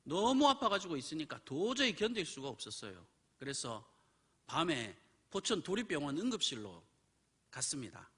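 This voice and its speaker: Male preacher, animated storyteller with a bright, lively pitch. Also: normal speed, slightly rough. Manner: animated storytelling, acts out quoted voices. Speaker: pastor. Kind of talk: sermon with personal story. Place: church.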